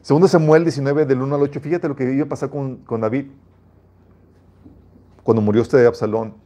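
Male pastor, middle pitch, warm tone; emphatic sermon delivery with scripture readings. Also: steady tone, fairly quick. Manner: earnest, emphatic preaching with repeated restarts.

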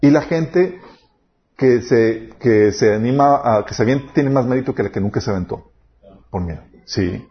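A man's voice: medium pitch, moderate pace. A man preaching a sermon, telling personal stories and acting out quoted dialogue. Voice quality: animated, storytelling with quoted dialogue. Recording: dull lo-fi sound.

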